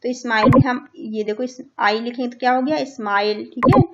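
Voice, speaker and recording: A woman teacher with an Indian accent who spells words out letter by letter for young children, stretching out English phrases very slowly. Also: a little high, steady tone, background noise. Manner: spells words letter by letter, says "theek hai" after each point. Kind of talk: school lesson for young children. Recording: muffled lo-fi recording.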